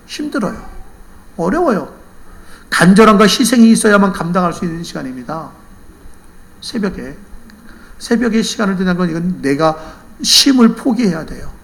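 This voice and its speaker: A man's voice: high voice, very animated, moderate pace, vocal fry, pauses often. A male senior pastor preaching a sermon, telling a story and driving it home with emphatic rhetorical questions.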